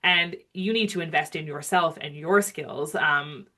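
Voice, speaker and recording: Interview guest: a woman with a low voice, earnest, filler-heavy delivery. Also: unhurried, bright, forceful tone. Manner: earnest, speaks with many ums and restarts. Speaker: guest, wildlife rehabilitation board member. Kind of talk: casual interview talk.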